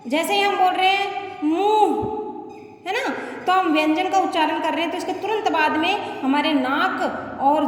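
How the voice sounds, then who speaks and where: A woman teacher with a Rajasthani Hindi accent speaks to young pupils in a high voice. She is patient and repeats her points, checking in often. The room is very echoey, with a long reverb tail and a faint hiss behind her. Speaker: primary school Hindi teacher. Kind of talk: classroom lesson explaining Hindi letters to children.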